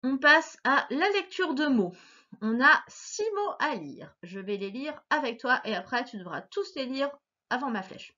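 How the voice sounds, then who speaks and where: Bright, lively woman teacher, slow and reassuring, dull lo-fi recording. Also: high voice. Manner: patient, slow and encouraging, stressing each sound. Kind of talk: recorded phonics lesson for a child.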